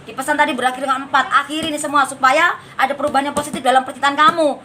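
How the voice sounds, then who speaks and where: A woman with a fairly high voice gives a chatty card reading. She coaxes and scolds her listener by turns. Faint noise hums under her voice. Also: fairly even intonation, rapid-fire. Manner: chatty, coaxing, refers to herself by name; scolding tone at times. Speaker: card reader. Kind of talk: casual spiritual card reading.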